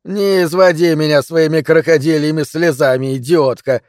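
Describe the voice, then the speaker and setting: A man voicing a cranky middle-aged hypochondriac in bed who rants loudly and drags out his words. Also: fairly high pitch, expressive, no room sound, studio quality, lightly acted. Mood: ranting. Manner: shouting, indignant, drawn-out emphasis.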